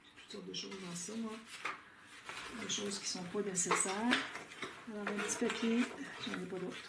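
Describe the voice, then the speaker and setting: Recorded off-mic in a roomy space with loud background noise, a woman from Quebec, Canada, speaks with a Québécois French accent in a steady, medium-pitched, creaky voice at normal speed. She hosts a casual scrapbooking tutorial, chatting and thinking aloud with many "euh" fillers and small laughs.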